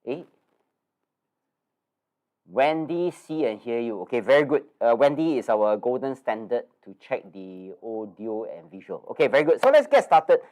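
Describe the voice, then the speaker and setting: A man's voice: medium pitch, lively intonation, normal speed, a little mellow. A man hosts a live investing webinar, chatty and nasal, full of fillers and tag questions. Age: 50s. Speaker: investing course host.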